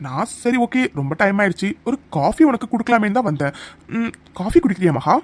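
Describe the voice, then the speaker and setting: A voice actor doing a leering young office creep from a cartoon who stalks a coworker after hours. His voice swings up and down as he teases and insinuates, smug and unhurried. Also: medium pitch, expressive, a little mellow, natural voice. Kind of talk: cartoon voice acting.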